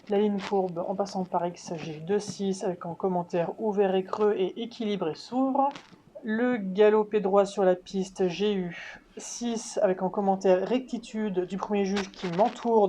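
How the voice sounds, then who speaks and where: A woman's voice: medium pitch, dark tone, a little hiss or hum. A woman rider giving a voice-over on a dressage test, methodically listing scores, casual with fillers. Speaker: horse rider vlogger.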